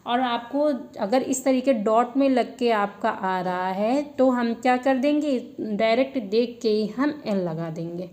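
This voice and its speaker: A woman's voice: on the high side, animated, a little slow, few pauses, a little mellow. A woman teaching an English grammar lesson, asking her students questions and answering them herself, and repeating the key words as a drill.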